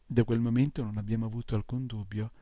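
A man's voice: medium pitch, little pitch movement, quick pace, dark tone, no room sound, highs cut off, close to an everyday voice. Man doing scolding old gnome healer woman. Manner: brusque and scolding. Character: gruff old female gnome healer, sharp-tongued.

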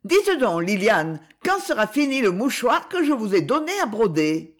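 A woman's voice: high-pitched, sing-song, moderate pace, fairly bright tone, pitched above the performer's own voice. A woman voicing an arrogant, haughty young woman who speaks sharply in a storybook reading.

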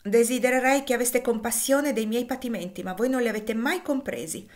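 Woman putting on a whiny high-pitched southern lady, always griping, storybook reading. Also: a little fast, lightly acted. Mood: peevish. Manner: shrill, querulous, raised. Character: petulant, complaining lady of a plantation house.

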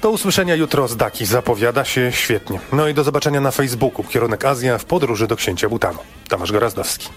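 A man telling a scripted radio travel report in a lively, playful storytelling way. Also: medium pitch, fast, few pauses.

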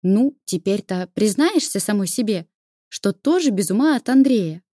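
A playful, teasing adult sister who pokes fun at her sibling, voiced by a woman reading aloud. Her tone is mellow and warm, recorded close and dry with no room sound. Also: medium pitch, lively intonation, normal speed, no room sound, close to an everyday voice. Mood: mocking. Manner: playful, mocking.

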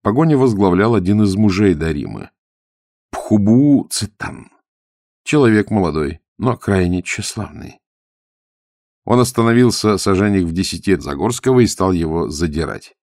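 A man narrating an adventure audiobook with vivid, expressive storytelling. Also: deep voice, moderate pace, no echo, clean studio sound.

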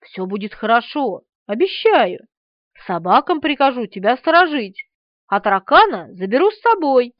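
A woman's voice: a little high, big pitch swings, normal speed, lo-fi sound. A woman voicing an eager young man who fusses over his pets, in an urgent, fussing manner, reading an audiobook. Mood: soothing.

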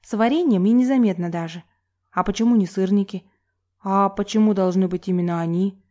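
A woman's voice: mid-range voice, a little fast, warm tone, lightly acted. A woman reading an audiobook, voicing a chatty, cheerful young woman roommate who pouts easily.

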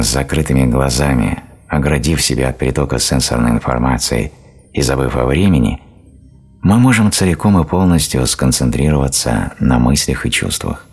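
Very deep-voiced man reading an audiobook. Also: breathy edge. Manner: steady explanatory reading. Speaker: audiobook narrator. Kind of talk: scripted narration.

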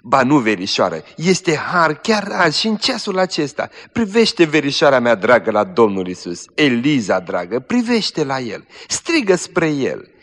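A man's voice: mid-range voice, sing-song, hardly any pauses, a bit bright, pitched above the performer's own voice. A man voicing a devout young woman who pleads tenderly with her dying cousin. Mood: pleading. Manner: tender, pleading, full of pity. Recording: echoey hall.

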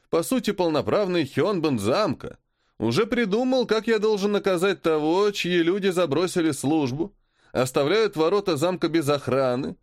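A man's voice: high voice, dry recording, clean studio sound, pitched above the performer's own voice. A man voicing a stern lord of a great house who scolds his servant angrily. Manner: angry, shouting, reproachful. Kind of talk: audiobook character voice.

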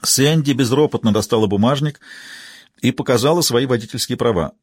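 A man narrating a crime novel in an expressive reading voice. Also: medium pitch, a little fast, no echo. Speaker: audiobook narrator. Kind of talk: scripted narration.

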